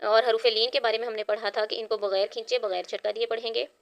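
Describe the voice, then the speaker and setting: A woman's voice: a little high, little pitch movement, fast talker, gravelly. A woman Quran teacher with a Pakistani Urdu accent, giving a recitation lesson: she spells out syllables one by one with care, then explains the rules.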